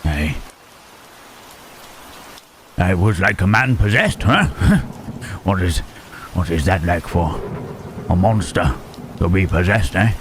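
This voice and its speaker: A man voicing Frankenstein's monster as a lonely, gentle creature who stammers and speaks formally in an ASMR roleplay. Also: low voice, lively intonation, slow pace, long pauses, a little hiss or hum. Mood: tender, shy. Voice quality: hesitant, stammering, formal speech. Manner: soft questioning tags, huh, eh, hmm. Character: lonely, gentle male monster, shy and halting. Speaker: voice actor.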